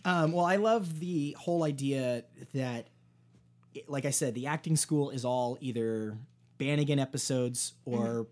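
Male podcast co-host, mid-pitched, thoughtful, talks through gag ideas. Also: a little slow, a little mellow. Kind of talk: casual chat.

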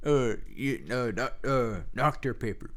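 A man playing a hungry folksy man with a dry, deadpan manner, in an improvised comedy sketch. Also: medium pitch, unhurried, lightly acted.

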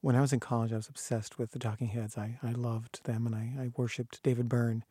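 A man's voice: mid-range voice, breathy edge, no room sound, studio quality. A man telling a personal story in a casual way, acting out the people he quotes, with frequent restarts. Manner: animated, acts out quoted voices, halting restarts. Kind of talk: casual anecdote.

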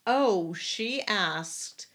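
A woman's voice: mid-range voice, lively intonation, extremely slow, a bit bright. A woman co-hosting a podcast who says she is very tired and mostly gives short replies. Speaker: podcast co-host. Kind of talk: casual chat.

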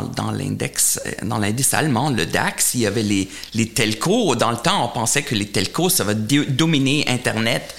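A middle-aged man from Germany speaking French as a second language with a German accent, answering interview questions in a halting way, often repeating words. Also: mid-range voice, creaky, a bit bright. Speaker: portfolio manager, interview guest.

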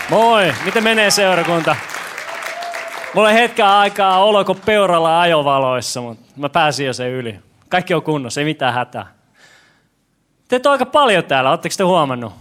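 Young guy pastor joking with the crowd, voice sits high and bounces all over, trips on words. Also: expressive, fairly bright tone. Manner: joking, self-deprecating, stammers and restarts. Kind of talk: lively sermon with audience questions. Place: church hall with congregation.

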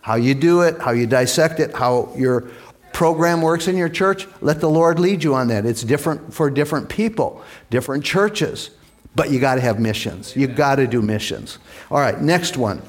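A male pastor preaching a lively sermon in church and calling on the congregation for amens. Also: medium pitch, normal speed.

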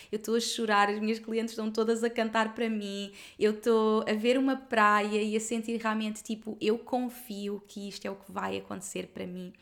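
A young woman with a European Portuguese accent tells a personal story on her podcast, speaking quickly and earnestly to her listeners. Her delivery is heartfelt and full of fillers and repeated words, at an ordinary middle pitch. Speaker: podcast host.

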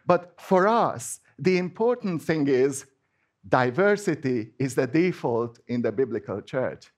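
A native Hungarian speaker with a Hungarian accent delivers an informal sermon as a preacher, chatty and hesitant with many restarts. His voice is medium-pitched and expressive, at a measured pace.

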